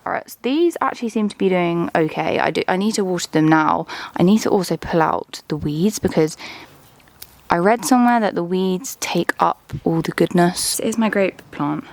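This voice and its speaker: Speaking at a normal speed with lively intonation, an English lifestyle vlogger in her youth rambles to camera around her home and garden, dropping in many fillers. Her voice is on the low side. Faint ambient noise and a roomy echo fill the recording.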